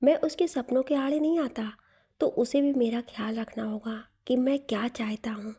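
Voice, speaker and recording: A woman's voice: a little high, fairly even intonation, moderate pace, mellow, slightly rough. Woman voicing a stubborn shy young man. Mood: sulky. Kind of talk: storybook narration.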